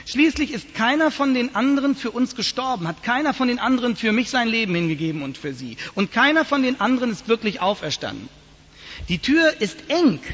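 A man preaching a sermon to his congregation in a church, telling stories in a lively, animated way. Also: sits high, husky. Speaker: pastor. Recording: dull lo-fi sound, long church reverb.

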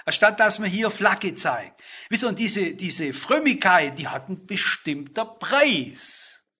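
A middle-aged man preaching a sermon, speaking straight to the congregation and slowing down to stress key phrases. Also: sits high, sing-song, bright, forceful tone, slightly rough. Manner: addresses listeners directly, emphatic with slow stressed phrases.

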